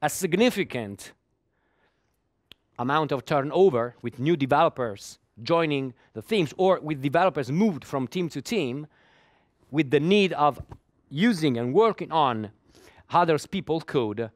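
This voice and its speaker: A middle-aged man from Italy, Italian by first language, presents a technical conference talk, often repeating words while searching for the next. His fairly high voice is animated yet measured in pace, captured in clean studio sound with no echo.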